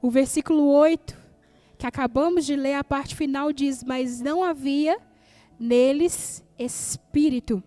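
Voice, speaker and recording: Woman pastor, Brazilian accent, high warm voice, emphatic repetitive sermon delivery. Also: a little slow, no room sound, faint music behind. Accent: Brazilian Portuguese. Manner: emphatic, repeats key phrases for effect.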